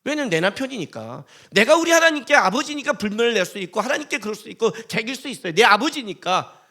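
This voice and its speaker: A man's voice: very high voice, fast talker. A male pastor preaching a sermon in a church, telling stories in casual everyday speech and joking with the congregation. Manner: animated, joking, colloquial storytelling with acted quotes.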